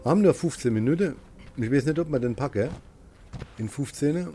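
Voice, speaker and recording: A man talking his way through a co-op video game at a middle pitch, mumbling to himself in one breath and yelling at the monster in the next. The recording carries clear background noise. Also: fairly quick. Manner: talks to himself and partner, excitable outbursts, cursing at the monster. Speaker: gamer playing co-op. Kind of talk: casual gaming commentary.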